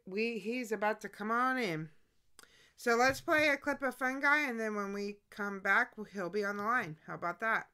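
A woman's voice: a little high, normal speed, pushed and bright, clear, resonant tone. A woman with an American accent co-hosting a live show in casual, conversational chat.

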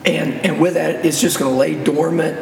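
Male radio co-host, gravelly and hoarse, slightly high-set voice, conversational religious talk, recorded roomy. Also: fairly even intonation, normal speed. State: hoarse, recovering from laryngitis. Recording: roomy, echoey, distant, faint noise.

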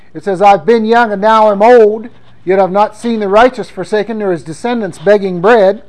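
A man with a high-pitched voice preaches a sermon. He talks conversationally and reads psalms aloud with strong emphasis. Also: darkish tone, poor audio. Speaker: pastor.

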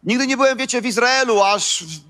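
A man's voice: very high voice, brisk, pushed and bright. A man interpreting a sermon live, matching the preacher's emphasis and sometimes stumbling over words.

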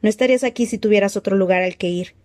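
In a storybook reading, a woman voices a cold, frail dark lord who hisses menacing threats slowly and softly. Her natural voice is medium in pitch with a dark, mellow tone, recorded close and dry with no echo or room around it.

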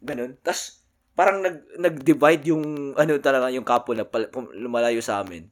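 A man's voice: mid-range voice, moderate pace. A young man co-hosting a casual podcast over drinks, talking animatedly and dropping English phrases into his speech. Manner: animated, mixes English into his talk, frequent agreeing interjections. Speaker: podcast co-host. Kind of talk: casual drinking-session chat.

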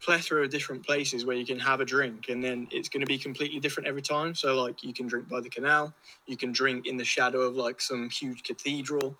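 Male, English accent, very sharp bright tone, chatty rambling storyteller for casual podcast talk. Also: mid-range voice, level tone, quick pace, a little hiss or hum, rough recording. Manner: rambling, chatty, British slang. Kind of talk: casual chat, telling travel anecdotes.

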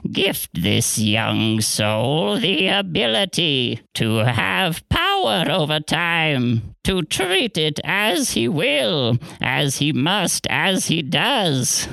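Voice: medium pitch, very animated, very slow, vocal fry, hardly any pauses, sharp tone, dry recording, full character voice. Performer doing ancient male imp, grand archaic speech, sing-song, very dry close sound. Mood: incantatory. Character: ancient male imp Rumpelstiltskin, theatrical and mystical. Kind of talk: in-character interview.

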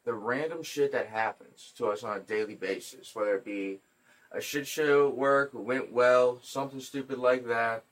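Profane, animated male podcast host. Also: mid-range voice, moderate pace, recorded from a distance. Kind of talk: casual podcast chat.

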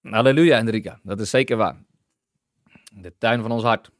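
Explaining scripture with real enthusiasm, this man keeps restarting his sentences and breaking into hallelujah while working through a Bible passage. He speaks on the low side at normal speed, in a dry, clean studio recording.

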